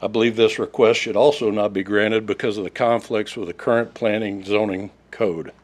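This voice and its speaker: A man's voice: on the low side, steady tone, moderate pace. A man with an Oklahoma accent reading a prepared public comment to a council as a resident. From Oklahoma, United States. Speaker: resident speaking at a public hearing.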